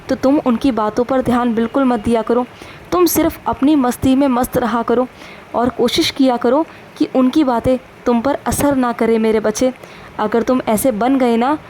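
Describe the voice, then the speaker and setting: A woman voicing a gentle, fatherly male saint who counsels his devotees in a tender, instructive devotional message, calling them "my child" again and again. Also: fairly high pitch, a little hiss or hum, close to an everyday voice. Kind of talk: devotional first-person message.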